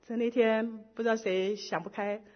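A middle-aged woman giving a personal church testimony in lively storytelling style, slipping English words into her speech. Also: on the high side, brisk. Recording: dull lo-fi recording.

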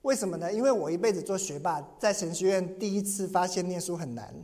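A man's voice: sits high, animated, fast, warm tone. A pastor preaching in earnest, telling a personal story and often repeating and restarting his words. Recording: long hall reverb.

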